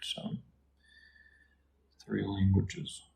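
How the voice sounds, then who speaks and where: A man from Russia, a native Russian speaker, working as a Russian tutor and calmly reading out and answering viewer questions. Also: low-pitched, vocal fry. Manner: calm, unhurried explanations. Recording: echoey room, faint noise.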